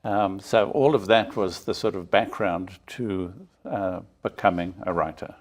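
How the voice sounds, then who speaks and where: Low-voiced man. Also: steady tone, measured pace. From South Africa. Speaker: author guest. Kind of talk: interview answers.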